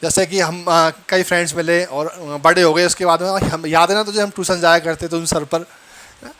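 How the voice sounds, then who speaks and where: Man, high voice, English teacher, stretches out and repeats example sentences. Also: steady tone, a bit bright. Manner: slow, drawn-out English example sentences between Hindi explanations. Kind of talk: Hindi-language English lesson.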